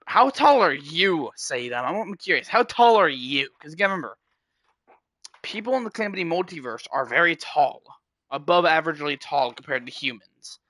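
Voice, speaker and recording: Talking straight to chat on his livestream, this man rambles casually and keeps correcting himself mid-sentence. His voice is on the high side, expressive and bright, with a forceful tone at a moderate pace, recorded with no room sound.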